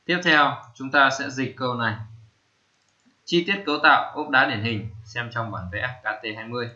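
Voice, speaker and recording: A man gives a slow screen-recorded lesson, repeating each word and filling his pauses. His voice is bright and forward, and the lo-fi recording sounds a little dull and muffled. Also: medium pitch. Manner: slow, repeats each term, many fillers. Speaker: English teacher.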